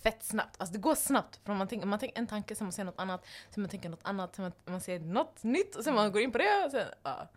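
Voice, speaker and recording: A woman's voice: medium pitch, animated, few pauses. Young woman chatting casually. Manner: mixes English words into speech, quotes herself often. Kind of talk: casual chat.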